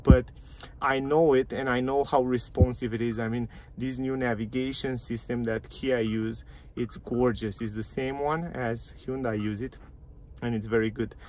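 A car reviewer with a mid-range, darkish-toned voice gives a casual walkthrough of a car's dashboard and touchscreen menus while parked. He's chatty, repeats phrases, and uses non-native grammar, with slight background noise.

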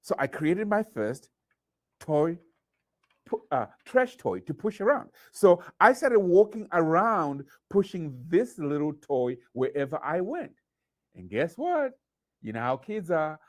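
A middle-aged man from Zimbabwe tells children a story in a very lively, sing-song way, jumping high for sound effects and dropping low for asides. The sound is close and dry, recorded in a small studio at a table. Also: a little slow, no room sound. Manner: animated, playful sound effects, big pitch swings. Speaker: artist and youth presenter. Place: studio with painted backdrop.

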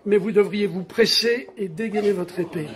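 An actor playing a dutiful, formal informant who serves an Elizabethan gentleman in a radio drama. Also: high voice, moderate pace, heavy background noise, close to an everyday voice. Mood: dutiful, reporting. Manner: deferential, formal. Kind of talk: French radio drama acting. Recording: lively crowd behind the voice.

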